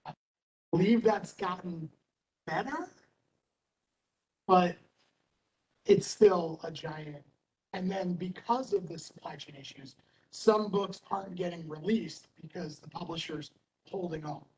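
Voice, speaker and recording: A man's voice: sits high, unhurried, long pauses, darkish tone. A man who is a library director, talking in an enthusiastic, talkative way at a meeting and over a video call, often breaking off his phrases. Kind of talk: meeting discussion. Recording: distant mic with faint noise.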